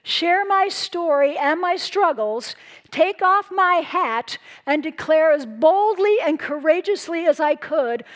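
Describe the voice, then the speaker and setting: Woman speaker, high voice, earnest and emphatic, inspirational stage talk. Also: lively intonation, slow pace, fairly bright tone. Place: stage before a live audience.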